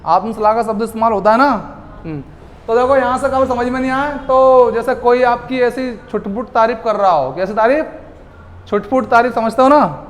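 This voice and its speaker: High-voiced man lecturing in a hall. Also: normal speed. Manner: lively, asks the class questions and answers them himself. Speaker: teacher. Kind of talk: classroom lecture. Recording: long hall reverb.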